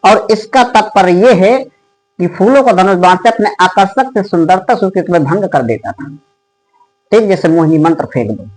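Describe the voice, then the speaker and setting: A male Hindi teacher explaining a poem line by line for an exam, asking his students questions and chanting the verses slowly in a sing-song. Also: high-pitched, lively intonation, darkish tone, low-quality recording. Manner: explains line by line, asks students questions, says "ठीक" often. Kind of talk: exam-prep poetry lesson.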